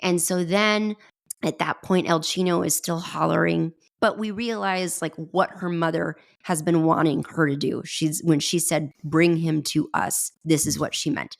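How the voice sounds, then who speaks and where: A woman's voice: sits low, steady tone, moderate pace, gravelly. A woman co-hosting a podcast, retelling a film scene in casual chat, so moved that she nearly cries. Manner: emotional retelling, voice catching near tears. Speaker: podcast co-host.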